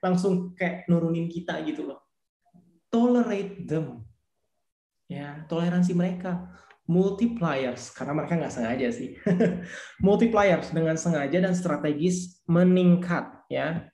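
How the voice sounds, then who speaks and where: Warm-voiced man teaching a youth class. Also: a little high, measured pace, echoey room. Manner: casual slangy talk, repeats key points. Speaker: youth ministry leader. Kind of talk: casual discipleship teaching.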